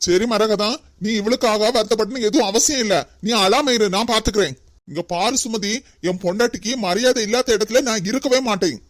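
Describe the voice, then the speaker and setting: A woman's voice: mid-range voice, fairly quick, no echo, studio quality, lightly acted. A woman with a Kanyakumari Tamil accent voicing a proud older brother in a cartoon, scolding his sister indignantly.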